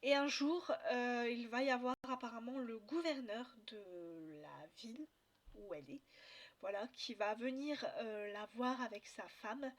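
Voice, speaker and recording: Lady booktuber rambling about her book haul, lots of euhs, a bit high voice. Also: measured pace. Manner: hesitant, many fillers and restarts. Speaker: book vlogger. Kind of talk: casual book haul chat.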